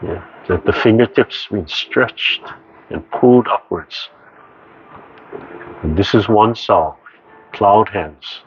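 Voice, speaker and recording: A dull, noisy recording of a male tai chi instructor with a fairly low voice. He gives serene cues one short phrase at a time, guiding each movement in a calm, measured way. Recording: dull, muffled audio with background noise.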